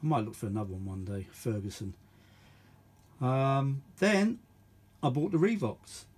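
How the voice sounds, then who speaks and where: This middle-aged man hosts a vintage audio video, talking casually and off the cuff in a hands-on way. His voice sits at medium pitch, darkish and slightly rough, and he takes his time. He rambles, thinks out loud, and often says things twice.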